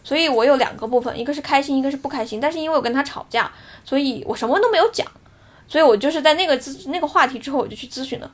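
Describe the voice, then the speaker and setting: A woman in her thirties talks fast in a high voice, earnest and reflective as she tells a personal story. Her casual podcast delivery stays conversational and brisk throughout. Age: 30s. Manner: earnest, reflective, re-enacting dialogue in her telling. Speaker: podcast co-host.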